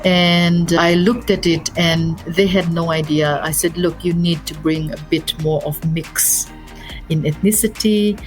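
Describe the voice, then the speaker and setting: Fijian woman being interviewed, pretty low voice, earnest, keeps restarting her words, quiet music behind. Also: steady tone, unhurried. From Fiji. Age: middle-aged. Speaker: business advisor, guest. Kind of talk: interview conversation.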